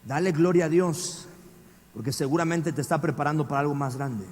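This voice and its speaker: A Mexican pastor preaching a dramatic sermon, swinging from quiet asides to shouting and firing rhetorical questions at the congregation. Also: male voice, a little high, brisk, long reverb tail, slight background noise. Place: church.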